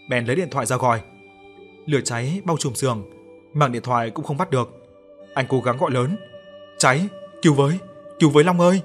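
A man narrating a horror story in a steady, dramatic reading style. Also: medium pitch. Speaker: audiobook narrator.

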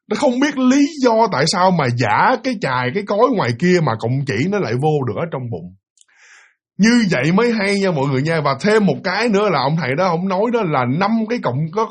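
A man with a Southern Vietnamese accent tells a spooky tale, speaking quickly and animatedly. His voice is husky and swings widely in pitch. He repeats words for effect and keeps addressing his listeners directly. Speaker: storyteller. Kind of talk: spooky storytelling to an audience.

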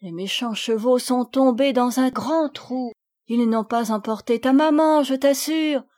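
A brave, tender young girl from a storybook reading, as a woman puts her on, speaking urgently and soothingly. The voice is pitched a little above a woman's usual talk. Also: unhurried, warm tone.

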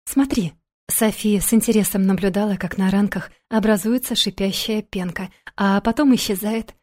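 A woman narrating a first-person audiobook in a gentle, soft-spoken way. Her voice is mellow and warm, pitched in an ordinary middle range. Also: fairly even intonation, moderate pace.

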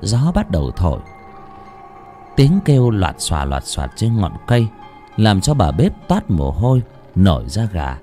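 A man's voice: fairly low pitch, wildly swooping pitch, measured pace, mellow. A man narrating a ghost story in a theatrical, suspenseful style. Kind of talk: dramatic horror story narration. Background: faint music.

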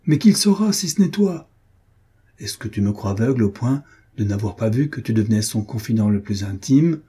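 A man's voice: lowish voice, a little fast, warm tone, husky. A man reading an anguished, jealous husband who pleads with his friend in emotional outbursts, in an audiobook. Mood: pleading.

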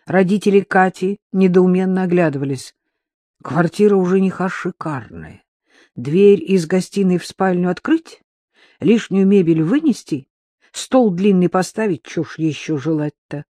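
Mellow-voiced audiobook narrator. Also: medium pitch, no room sound, studio quality. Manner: measured storytelling. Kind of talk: scripted narration.

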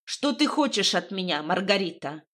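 A woman voicing a fussy, resentful older man in an audiobook, with a creaky, indignant, lecturing manner. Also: medium pitch, big pitch swings, normal speed, a bit bright. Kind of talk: audiobook reading.

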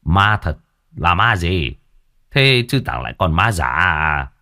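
A man voicing a gruff, foul-mouthed old village man who scolds bluntly in a spoken ghost story. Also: sits low, sing-song, slow, pushed and bright, heavily acted. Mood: puzzled.

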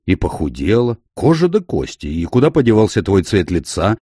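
A man's voice: on the low side, sing-song, normal speed, mellow, slightly rough, no room sound, studio quality. A man voicing a fussy, doting older aunt. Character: fussing, caring older aunt.

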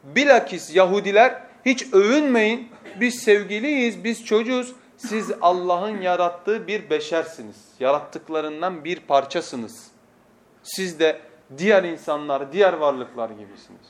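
A man preaching from a pulpit microphone, teaching with passion and moving from hushed tones to emphatic oaths, with quick scriptural recitation. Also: sits high. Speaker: preacher teaching a lesson series. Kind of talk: sermon lecture.

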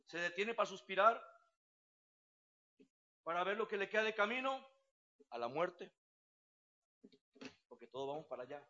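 A man preaching a fervent evangelical sermon, swinging between hushed speech and impassioned shouting, with frequent cries of hallelujah. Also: high-pitched, lively intonation, moderate pace, pauses often, highs cut off.

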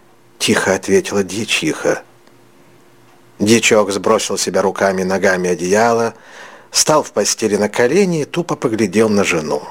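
A man narrating a classic story in a slow, expressive audiobook reading. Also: on the low side, a little hiss or hum.

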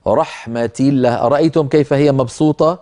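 A middle-aged man teaching a Quranic reading rule, explaining in a calm, measured way and slowly chanting verse quotations. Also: medium pitch. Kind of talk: lecture on a tajweed poem.

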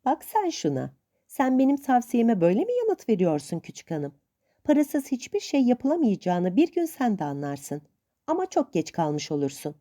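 Woman voicing a bossy old aunt, raised pitch. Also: huge pitch swings, moderate pace. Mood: scolding. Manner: sharp, bossy, lecturing. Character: stern, scolding old rich aunt.

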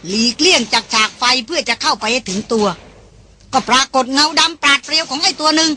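High-voiced audiobook narrator with hiss. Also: animated, a little fast, bright, forceful tone. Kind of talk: dramatic novel reading.

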